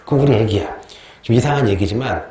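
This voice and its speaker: A man's voice: medium pitch, lively intonation, fast talker. A man teaching a history class, asking questions and answering them himself, repeating key terms and telling joking stories. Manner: chatty, tells joking anecdotes. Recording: very echoey classroom with faint noise.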